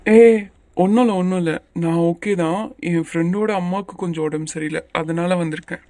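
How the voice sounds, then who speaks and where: A woman voicing a calm, teasing young male hero in a cartoon series. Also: lowish voice, a little fast, no room sound, natural voice. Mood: reassuring. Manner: teasing, patient, a little bossy. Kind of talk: Tamil cartoon series voice acting.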